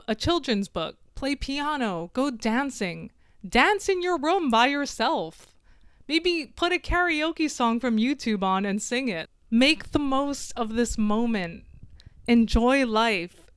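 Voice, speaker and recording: A woman's voice: medium pitch, clear, resonant tone, dry recording, studio quality. A young woman vlogging a heartfelt personal tribute, talking earnestly and directly to her viewers. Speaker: illustrator and video creator. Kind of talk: personal tribute vlog to camera.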